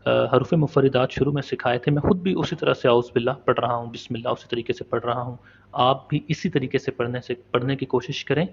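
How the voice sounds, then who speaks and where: Gravelly man teaching letter sounds. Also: mid-range voice, dull audio. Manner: patient, demonstrates sounds slowly and repeats them. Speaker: Quran recitation teacher. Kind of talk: step-by-step pronunciation lesson.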